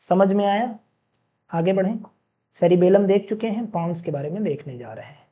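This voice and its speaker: A man teaching a class in a casual, chatty way, often asking the students questions and slowly reading out English lines. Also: high-pitched, dark tone, highs cut off. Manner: mixes in read-out English sentences, slowly. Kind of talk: classroom lecture.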